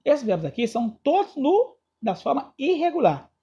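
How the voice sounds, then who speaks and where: A man's voice: very high-pitched, wildly swooping pitch, normal speed, warm tone, dull audio. A man with a Brazilian Portuguese accent, teaching a recorded English grammar lesson and often checking in with his students. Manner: checks in with students often, spells out endings letter by letter.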